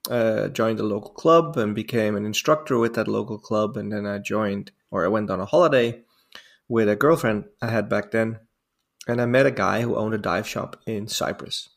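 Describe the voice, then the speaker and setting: Gravelly Dutch man in his forties. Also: lowish voice, normal speed. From Netherlands. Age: 40s. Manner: rambling, self-amused storytelling with frequent fillers. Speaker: guest diving instructor. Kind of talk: casual podcast interview.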